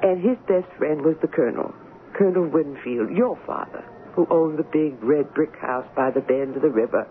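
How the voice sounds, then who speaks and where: An actress playing a gentle, sorrowful older woman servant, speaking in dialect in an old radio play. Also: sits low, lightly acted. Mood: grave. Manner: dialect speech, slow and tender. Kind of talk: 1940s radio acting. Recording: tinny old radio broadcast with faint hiss.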